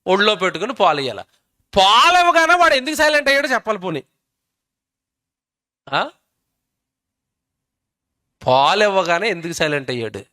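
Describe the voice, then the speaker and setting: A man preaches a sermon, firing emphatic questions at his listeners. His voice is high-pitched and bright. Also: sing-song, a little fast, long pauses. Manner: emphatic, keeps quizzing the audience.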